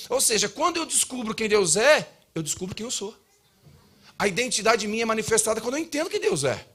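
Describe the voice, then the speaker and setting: A man's voice: high voice, a bit bright, breathy edge. A man preaching a sermon as pastor, emphatic and humorous. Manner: humorous, acts out dialogues. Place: church.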